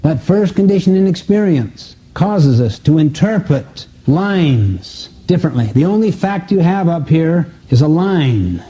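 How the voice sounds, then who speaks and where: Here a man with a fairly high, dark, slightly rough voice is very animated, talking a little slowly but with hardly any pauses. He's a motivational seminar teacher giving a live self-help talk to an audience in a seminar room, emphatic, heavy on rhetorical questions, and acting out dialogues. Audio quality is dull, muffled lo-fi.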